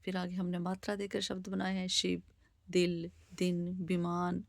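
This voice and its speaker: A woman teaching vowels, reading words out slowly one by one as a teacher. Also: lowish voice, monotone, vocal fry, no room sound, clean studio sound. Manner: slow, deliberate word-by-word reading. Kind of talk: slow spoken Hindi alphabet lesson.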